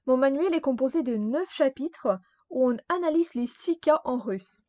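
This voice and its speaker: A woman teaching a grammar lesson, speaking slowly and carefully and repeating each example word. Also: high voice, animated, a little mellow, dry recording. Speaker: Russian language teacher. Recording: dull dry lo-fi sound.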